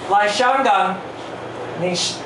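An older man with a foreign, non-native Mandarin accent doing stand-up comedy in a halting, word-repeating way. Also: high-pitched. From Western country. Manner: halting, repeating words as they search for phrasing. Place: small comedy bar, indoors. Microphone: handheld stage mic, heard through distant camera. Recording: echoey, noisy bar recorded from far off.

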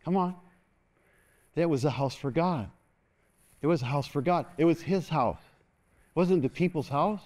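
Middle-aged pastor preaching on a church stage, fairly high voice, lots of amens, moving around a lot. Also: male voice, measured pace, pauses often. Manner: animated, moves about the stage, call-and-response asking "amen". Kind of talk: sermon. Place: large church stage, indoors.

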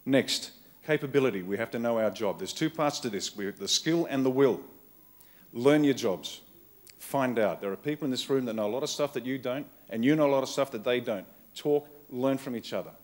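A man's voice: medium pitch, fairly quick. A middle-aged man with an Australian accent delivers a keynote from a conference hall stage, his mid-range voice carried by a podium microphone. He speaks in short, emphatic bursts and drives each point home by repeating it. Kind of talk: rousing political keynote speech. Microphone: podium microphone on a stand.

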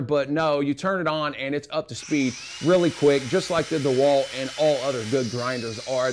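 A man's voice: a little high, slight background noise. Casual man reviewing tools in his garage. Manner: relaxed, rambling, frank opinions. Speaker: tool reviewer. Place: home garage.

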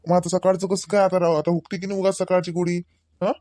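A woman's voice: on the low side, little pitch movement, fast, dark tone, no room sound, studio quality, natural voice. A woman playing a caring, easygoing uncle who reassures and teases in a comedy sketch. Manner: reassuring, teasing. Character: caring middle-aged uncle, teasing and easygoing.

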